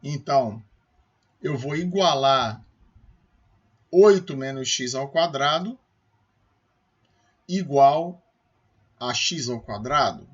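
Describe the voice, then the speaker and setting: A man's voice: mid-range voice, lively intonation, slow pace, long pauses, breathy edge, highs cut off. A man with a Brazilian Portuguese accent, a math professor giving a recorded calculus lecture, explaining step by step and checking with his students as he goes.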